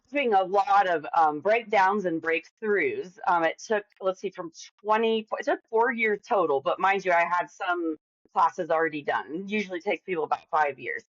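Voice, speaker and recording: A woman's voice: mid-range voice, moderate pace, no echo, lo-fi sound. A woman in her forties, talking candidly and at length as a podcast guest, with lots of fillers and restarts. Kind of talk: casual interview conversation.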